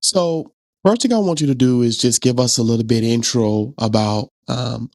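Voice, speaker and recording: A man's voice: medium pitch, normal speed, dry recording, studio quality. Hyped-up male podcast host. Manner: hyped, energetic intro delivery. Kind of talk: casual podcast interview.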